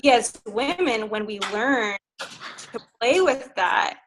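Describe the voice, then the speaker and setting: Woman sex coach, candid interview guest, frank and lively. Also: fairly high pitch, takes it slowly, slight background noise. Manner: frank and animated, laughs while telling stories.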